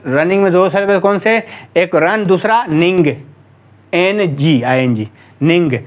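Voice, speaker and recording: A man's voice: sits high, lo-fi sound. A man teaching English grammar, repeating points and answering his own questions as he explains. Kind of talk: grammar lesson explaining English in Urdu-Hindi.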